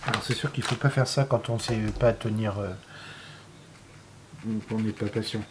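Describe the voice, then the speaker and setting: A woman chatting calmly and matter-of-factly while helping with a craft project. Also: very deep voice, moderate pace, noisy background. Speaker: co-builder. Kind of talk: casual chat.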